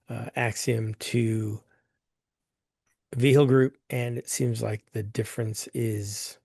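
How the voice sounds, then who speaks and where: A governing council chair leads a board meeting, his hoarse, gravelly, slightly mellow voice sitting mid-range for a man. He talks plainly and rambles, full of "um"s, fillers, and restarts as he goes through the agenda. The recording is close and dry, with no room echo.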